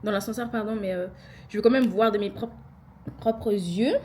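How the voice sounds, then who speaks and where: A young woman chatting casually to her camera in an excitable vlog, talking to herself as she goes. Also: medium pitch, normal speed, a little hiss or hum. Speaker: vlogger. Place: hotel room, later rooftop pool. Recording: loud music behind.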